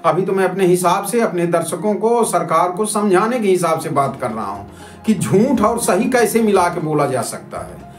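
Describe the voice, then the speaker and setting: A citizen journalist with a high, animated voice talks at a moderate pace through his video report. The informal commentary is argumentative and repetitive, peppered with rhetorical questions, and the recording has roomy echo over background music.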